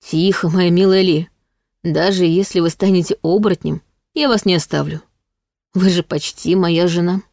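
A woman reading the lines of a protective, teasing male demon in an audiobook, speaking in a low, insistent way. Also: steady tone, moderate pace, vocal fry, darkish tone, no room sound, clean studio sound. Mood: tender.

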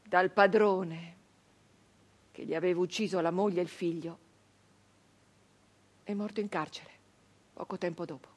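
An actress plays a grieving, traumatized 19th-century peasant woman in a theatrical radio monologue, mournful and subdued. She is halting and intense, obsessively repeating phrases, her breathy speech sometimes sinking toward a whisper. Her voice is lowish and steady in tone.

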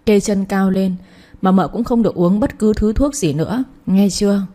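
A woman voicing an elderly male village herbal doctor who speaks calmly and gravely. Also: mid-range voice, normal speed, close to an everyday voice.

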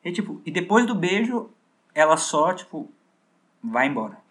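A man's voice: fairly high pitch, sing-song, moderate pace, fairly bright tone. A man, hosting a podcast and casually retelling a book's plot in slangy, profane speech full of fillers. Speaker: podcast host.

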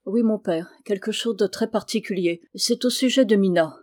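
Brief: awkward earnest young gentleman from a read-aloud novel, a woman narrator doing him. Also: medium pitch, normal speed, natural voice.

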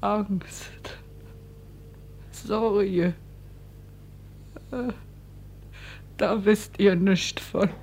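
A woman's voice: mid-range voice, fairly even intonation, very slow, long pauses, darkish tone, slight background noise. An actress playing a desperate, menacing middle-aged cleaning woman, who switches between coaxing and threatening, in 1950s radio play style. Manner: coaxing, then threatening, muttering under her breath.

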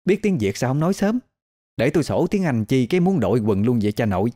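A man's voice: mid-range voice, quick pace, voice pushed up. A man voicing a boastful young woman who runs a café and stumbles through broken English. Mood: boastful flustered. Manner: fumbling broken English, excitable.

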